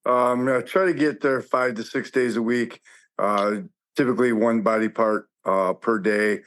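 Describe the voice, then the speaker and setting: A man in his fifties, a measured and hesitant panel guest in a casual chat. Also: mid-range voice, steady tone, a bit bright. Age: 50s.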